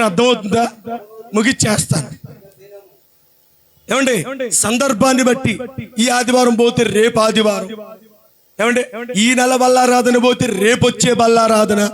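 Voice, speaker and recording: A man preaching a sermon as pastor, full of rhetorical questions and repeated phrases that swell into shouted, sung-out climaxes. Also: high voice.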